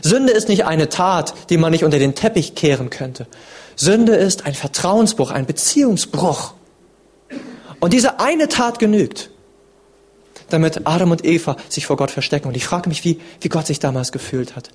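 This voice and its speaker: A man preaching a sermon in an earnest, dramatic way, swinging between emphatic lines and hushed ones. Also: fairly high pitch, expressive, normal speed, slightly rough.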